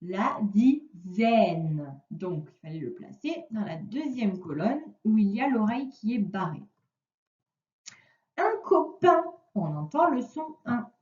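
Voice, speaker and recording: A woman teacher giving a recorded reading lesson, speaking clearly and patiently to a single child. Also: on the high side, very animated, a little mellow. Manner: slow, clear, patient instruction addressed to one child. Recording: echoey distant lo-fi room recording.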